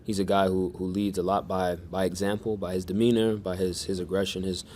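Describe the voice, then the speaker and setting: A man answering questions at a press conference in a monotone, measured way with many restarts. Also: low voice, a little hiss or hum. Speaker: soccer defender at press conference.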